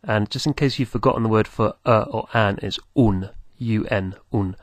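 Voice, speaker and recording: A man teaching beginners, speaking slowly and patiently, repeating words for the listener to copy. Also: on the low side, no room sound. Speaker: language teacher. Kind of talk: slow, patient teaching with pauses.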